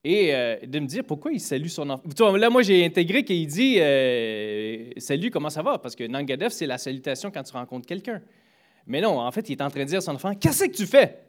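Speaking briskly in a fairly high voice, a man casually shares anecdotes about greetings and politeness. He sounds hesitant, with lots of fillers and restarts, yet animated, his voice jumping up for quoted phrases in this storytelling chat.

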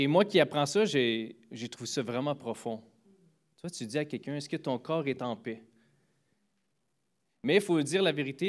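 A man casually telling anecdotes about greetings and politeness, full of fillers and restarts, lifting his voice for quoted phrases. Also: mid-range voice. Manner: hesitant, many fillers and restarts; animated, voice jumps for quoted phrases. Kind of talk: casual storytelling chat.

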